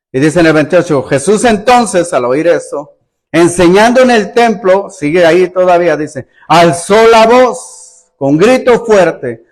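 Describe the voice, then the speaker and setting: A male pastor preaching a sermon in an emphatic style, acting out sarcastic rhetorical questions. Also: sits high.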